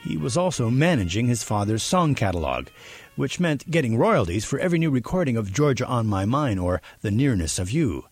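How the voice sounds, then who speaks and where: A male reporter giving a scripted documentary narration in a lively storytelling way. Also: mid-range voice, fairly quick, slightly rough, dry recording.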